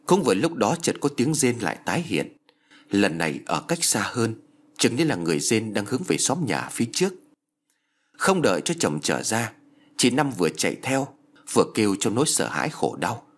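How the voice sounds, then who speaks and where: A man narrating a ghost story in a dramatic, expressive reading. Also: on the low side. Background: faint background music.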